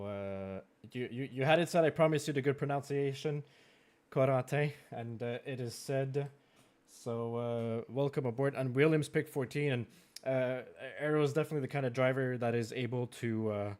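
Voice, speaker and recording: Chatty French Canadian host. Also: male voice, medium pitch. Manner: chatty, laughs easily, many fillers. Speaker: host of a racing league draft. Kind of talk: live-streamed draft commentary.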